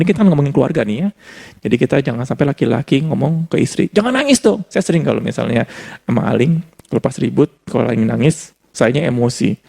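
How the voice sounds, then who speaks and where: A man's voice: medium pitch, gravelly, mellow. A man preaching a casual, chatty sermon, often laughing and acting out little scenes. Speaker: pastor.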